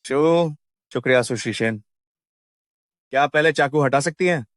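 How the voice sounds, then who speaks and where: A man's voice: medium pitch, normal speed, a bit bright, no echo, studio quality, close to an everyday voice. An actor dubbing a sleazy male thug who leers and then begs in panic. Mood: cowering. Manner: leering, then pleading in panic. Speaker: hired thug. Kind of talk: Hindi dub of a drama.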